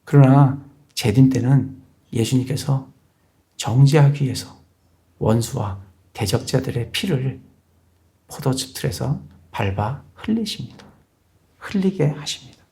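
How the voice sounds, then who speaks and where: A middle-aged male pastor giving a measured, explanatory sermon in a church, reading scripture aloud. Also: medium pitch, lively intonation, mellow.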